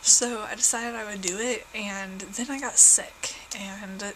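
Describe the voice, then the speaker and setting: A young adult woman from southern Indiana vlogs casually at home, her accent clear and her voice slightly congested. She rambles with many fillers and self-corrections, using a steady mid-range voice at a measured pace. Background noise can be heard.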